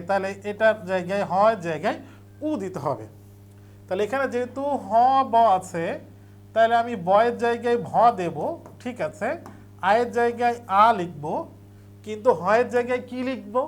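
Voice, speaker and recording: A teacher giving an exam revision lecture, explaining step by step and repeating key points for emphasis. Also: medium pitch.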